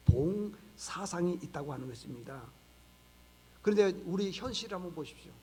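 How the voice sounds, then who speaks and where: High-voiced preaching man, church echo. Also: expressive, normal speed, darkish tone. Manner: emphatic, acts out quoted voices. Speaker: pastor. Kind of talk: sermon. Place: church sanctuary. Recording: reverberant church hall.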